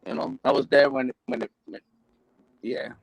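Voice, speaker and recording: Guest: New man, heavy vocal fry, dry close sound, rambling and profane. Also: medium pitch, moderate pace, no room sound, poor audio. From New York. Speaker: interview guest. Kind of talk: candid life story.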